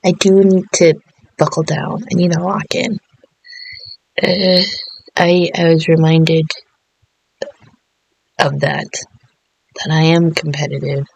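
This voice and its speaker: A woman's voice: sits low, flat delivery, slow, gravelly, pauses often, darkish tone, no echo, poor audio. A woman in her thirties talking to camera in a meandering vlog, full of fillers and self-interruptions. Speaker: vlogger. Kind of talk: casual rambling monologue.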